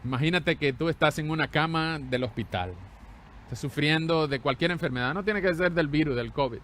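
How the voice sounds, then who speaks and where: A man preaching a sermon as a pastor, animated and conversational, swinging between loud exclamations and hushed tender lines while asking the congregation questions. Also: on the high side, fairly quick, slight background noise.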